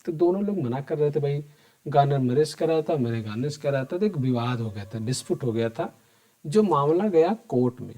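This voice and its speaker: A man's voice: fairly high pitch, expressive, moderate pace, dark tone. A man teaching an accounting lesson for exam preparation. He talks straight to his students, keeps asking them questions and answers them himself, and repeats the key points. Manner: conversational, addresses students directly and asks them questions. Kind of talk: exam-prep lecture.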